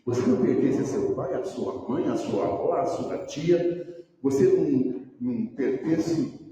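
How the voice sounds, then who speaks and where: A man's voice: medium pitch, animated, measured pace, a crowd in the background. A man with a Brazilian Portuguese accent preaching a sermon as pastor, emphatic, repeating his phrases and calling out names. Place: church sanctuary. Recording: echoey church hall, voice from far off the mic.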